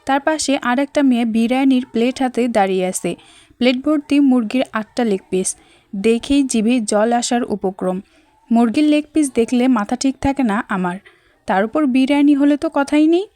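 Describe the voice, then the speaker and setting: A woman narrating a first-person audio story in a lively, dramatic, comic way. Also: a little high, normal speed, no echo.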